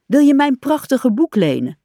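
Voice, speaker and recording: A cheerful male rat from a children's story, upbeat and encouraging, as a woman reads him. He sounds higher and livelier than the narration, recorded close and dry. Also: very animated, moderate pace, warm tone, dry recording.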